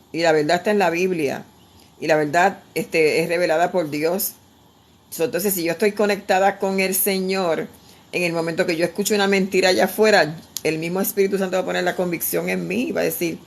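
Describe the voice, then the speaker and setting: A woman, preaching earnestly in a conversational way, with frequent restarts. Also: lowish voice. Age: 60s. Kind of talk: sermon-style exhortation.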